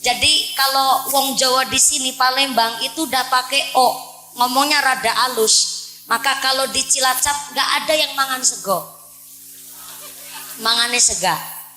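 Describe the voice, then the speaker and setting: A woman's voice: high voice, steady tone, moderate pace, sharp tone, roomy sound, soft background music, rough recording. A woman preacher from Central Java with a Banyumas Javanese accent, giving a playful, joking sermon to a village crowd and often addressing the men as "Pak". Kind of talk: humorous religious sermon. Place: village religious gathering.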